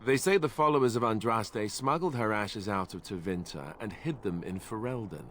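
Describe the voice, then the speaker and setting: An actor in a video game, solemnly recounting an old legend in a measured way. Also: male voice, lowish voice, fairly bright tone, slight background noise, lightly acted. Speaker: game character.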